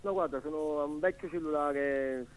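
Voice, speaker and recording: A man, a musician guest from Naples, answering quickly in a relaxed way, heard over a faint, distant phone line. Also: on the high side. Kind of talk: phone-in interview.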